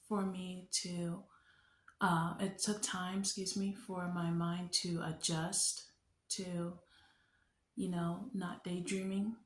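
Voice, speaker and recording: Young woman vlogger, low and level, earnest faith testimony, echo of a bare room. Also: slight background noise. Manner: earnest, unhurried, reflective storytelling. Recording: echoey room.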